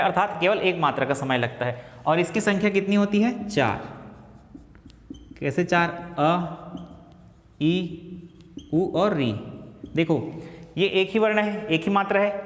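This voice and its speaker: Male teacher, fairly high voice, echoey hall with long reverb, drawn-out repetition. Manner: asks and answers his own questions, repeats key phrases slowly. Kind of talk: classroom lecture. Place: classroom.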